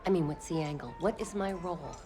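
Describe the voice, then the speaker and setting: A woman's voice: lowish voice, quick pace, over music, lightly acted. An actress playing a sardonic, haughty female con artist in a period TV drama.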